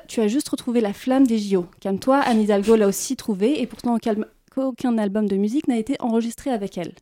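A woman's voice: fairly high pitch, mellow. A young woman delivering a scripted humorous radio column with sardonic, mocking asides.

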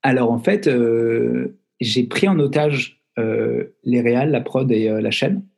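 A man's voice: medium pitch, takes it slowly, gravelly, darkish tone, husky. A man, an actor, chatting casually in an interview over a video call, joking with mock-serious tall tales. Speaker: actor guest.

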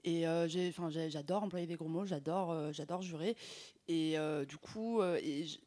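Slightly low-voiced young woman. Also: moderate pace, dark tone. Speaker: panellist and presenter. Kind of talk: casual chat and prepared explanatory segment.

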